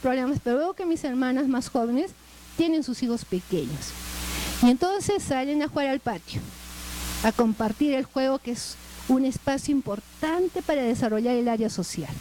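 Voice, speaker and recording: A woman's voice: sits high, warm tone, slight background noise, rough recording. A middle-aged woman with a Peruvian accent, lecturing a class in a chatty way and often tagging her sentences with questions. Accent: Peruvian Spanish. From Peru. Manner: conversational, frequent "¿no?" tag questions.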